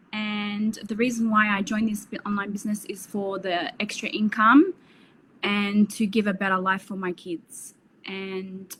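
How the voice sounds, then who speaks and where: A woman's voice: mid-range voice, a bit bright, a little hiss or hum, rough recording. A woman in her forties with an Australian accent, introducing herself on a webinar panel in a cheerful, straightforward way over a video call.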